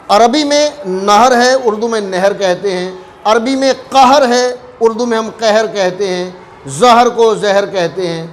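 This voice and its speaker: A man teaching word pronunciation in a careful, deliberate way, repeating key words for emphasis. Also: high voice, slight background noise. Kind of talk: explanatory lesson.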